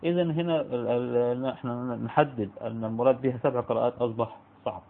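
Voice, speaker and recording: Gravelly Egyptian man lecturing over a tinny line. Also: medium pitch, steady tone. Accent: Egyptian Arabic. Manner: halting, many restarts and "uh", asks and answers his own questions. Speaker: Islamic studies teacher. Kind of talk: spoken lecture. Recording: phone-like narrow band.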